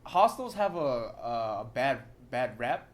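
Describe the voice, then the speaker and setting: A man's voice: medium pitch, sing-song, takes it slowly. Profane, rambling young male podcaster. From Southern California. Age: young adult. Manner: loose, profane storytelling full of fillers. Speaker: podcast co-host. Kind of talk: casual chat.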